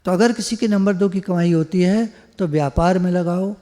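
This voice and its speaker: ऊँची आवाज़ वाला पुरुष प्रवचनकर्ता, गूंजते हॉल में. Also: male voice, high-pitched, moderate pace, dark tone. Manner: conversational, joking, mixes English words. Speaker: spiritual speaker. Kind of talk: devotional satsang discourse. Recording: long hall reverb.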